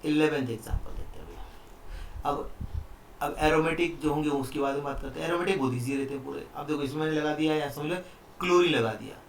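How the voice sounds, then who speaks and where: A man's voice: fairly high pitch, quick pace, creaky, a little hiss or hum. A man teaching a chemistry lesson online, explaining step by step and often asking the students questions. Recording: echoey room, mic at a distance.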